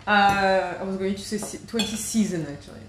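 A woman co-hosting a casual podcast chat from her kitchen, talking in quick restarts and laughing as she goes. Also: medium pitch, steady tone, background noise. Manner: chatty, restarts often, laughs while talking. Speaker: podcast co-host. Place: home kitchen. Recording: echoey kitchen.

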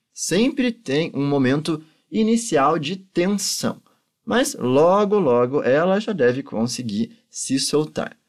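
A male teacher, a native Portuguese speaker, giving a language lesson and patiently drilling phrases slowly for repetition. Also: mid-range voice. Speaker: German teacher.

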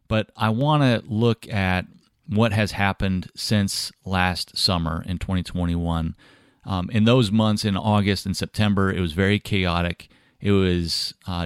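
A podcast host with a low, smooth voice conducts interviews, posing his questions earnestly and in a measured way. The recording is close and dry, free of room sound or echo.

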